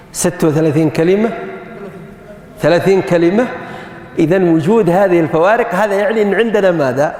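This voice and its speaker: A middle-aged man with a notably high voice lectures as a grammar professor, firing questions at his class and drilling answers back and forth. His voice rings through a large hall with a long, echoing tail. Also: darkish tone. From Saudi Arabia. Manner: quizzing students, call-and-response drilling.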